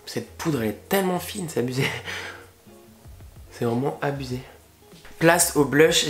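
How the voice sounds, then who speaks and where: A young man chatting through a makeup tutorial at home, gushing excitedly over the products with casual slang. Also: medium pitch. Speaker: makeup vlogger. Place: indoor room at home, facing a window. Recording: roomy echo.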